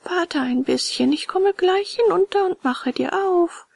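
A placid female snail from a storybook drawls each word at a crawl, played by a woman reading aloud. The voice is lifted and a little raspy, with lively swoops. It sounds dry and close. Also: very high-pitched, no room sound, pitched above the performer's own voice, full character voice. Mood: calm. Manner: very slow and drawn out. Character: slow, unhurried giant snail servant, female.

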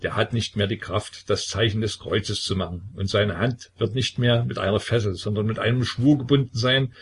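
A man's voice: fairly low pitch, fairly even intonation, moderate pace, slight background noise, lightly acted. A man voicing a stern old zealot. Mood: solemn, stern. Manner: solemn, preaching.

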